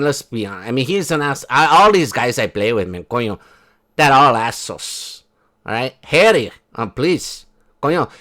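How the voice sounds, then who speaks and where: A man's voice: medium pitch, fairly bright tone, natural voice. A man doing a crude, swearing polo player. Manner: coarse, rambling, keeps swearing. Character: crude, self-mocking male polo player. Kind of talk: comic sketch in a vlog.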